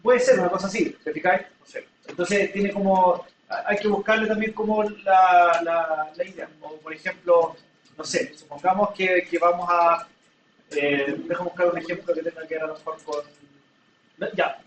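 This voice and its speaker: With a high-pitched, level voice at normal speed, a man lectures a classroom, patiently explaining through everyday examples and often verifying that students follow. The recording is distant and echoey, with slight background noise.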